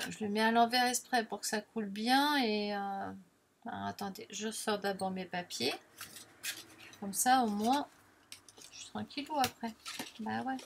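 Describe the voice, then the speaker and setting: A woman's voice: mid-range voice, gravelly, background noise. A woman chatting casually while demonstrating a paper craft, self-deprecating and full of little filler words. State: has the hiccups. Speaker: crafting vlogger.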